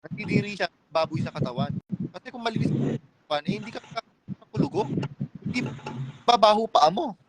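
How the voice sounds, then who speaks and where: A man who is a guest on a casual livestream, speaking emphatically and pushing out loud indignant questions. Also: high voice, animated, brisk, pauses often, heavy background noise.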